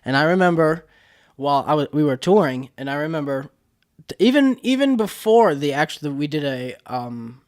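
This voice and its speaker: Male podcast co-host, fairly high voice, loose rambling storyteller who swears a lot. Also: expressive, moderate pace. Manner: rambling storyteller, swears freely, many restarts. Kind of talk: casual chat.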